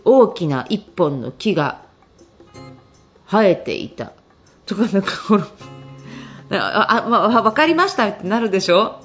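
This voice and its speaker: A woman's voice: mid-range voice, muffled recording. A middle-aged woman hosting her own radio talk show, reading listener mail and answering in a chatty way with many fillers. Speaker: radio host and novelist.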